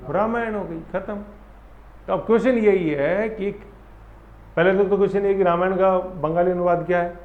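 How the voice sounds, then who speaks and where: A man teaching an exam-prep class, lively and full of memory tricks, often checking that students follow. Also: high voice. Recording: roomy, dull lo-fi classroom sound.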